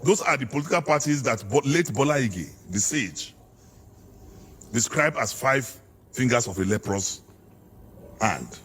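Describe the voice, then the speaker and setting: A man's voice: mid-range voice, expressive, a little slow, pauses often, a bit bright, breathy edge. A Nigerian man arguing politics in a heated interview, fiery and preacher-like, hammering his points. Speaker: political guest.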